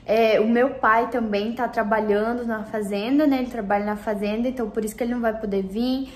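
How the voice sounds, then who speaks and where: A young Brazilian woman chatting to her viewers at home, her voice a little on the high side. She talks casually and warmly to the camera, sprinkling in cute little diminutives. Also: fairly even intonation, a little fast, slight background noise. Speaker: vlogger. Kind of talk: casual vlog chat.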